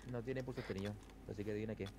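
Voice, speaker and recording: A man's voice: lowish voice, fairly even intonation, racing. A man with a Chilean accent talking as team medic in casual online game chat. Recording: clear noise under game voice chat.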